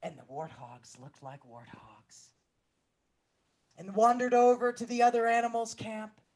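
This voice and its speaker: A woman telling a children's story with dramatic hushes and swells. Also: on the high side, lively intonation, a little slow.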